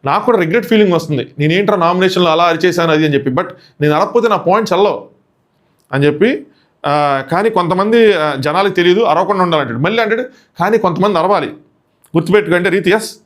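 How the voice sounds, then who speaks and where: A man giving casual commentary on a reality show, animated and quick, with a Telugu accent, mixing in English phrases. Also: sits high.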